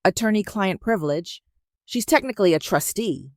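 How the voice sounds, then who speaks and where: A woman voicing a calm, careful older male family lawyer in a storybook reading. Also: medium pitch, normal speed, no echo, clean studio sound, lightly acted. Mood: serious.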